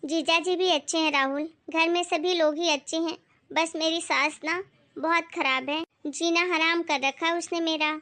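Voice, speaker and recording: A woman's voice: very high voice, fairly even intonation, moderate pace, pushed and bright. A woman acting a spoiled, scheming daughter who tattles on her sister-in-law in a family drama. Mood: complaining. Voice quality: whiny, tattling.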